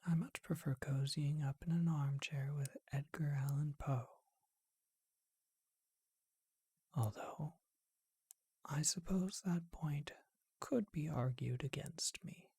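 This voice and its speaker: For a whispered ASMR roleplay, a performer gives voice to an ancient vampire who is charming and bookish, musing in a refined, unhurried manner. The breathy delivery is medium-pitched and mellow, the recording dry, and the mood suave and musing.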